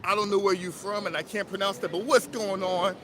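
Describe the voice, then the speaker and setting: High-voiced man streaming over loud traffic. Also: a little fast. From United States. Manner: animated, slangy, swings between loud outbursts and low mutters. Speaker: live stream host. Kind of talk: casual live stream chat, reading out viewer comments. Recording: loud outdoor street and traffic noise.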